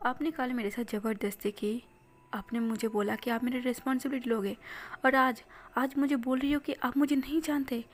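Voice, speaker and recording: A woman's voice: fairly high pitch, fairly even intonation, normal speed, natural voice. A woman voicing a theatrical young man who wails and sobs melodramatically in a storybook reading. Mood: wailing. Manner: melodramatic sobbing complaints.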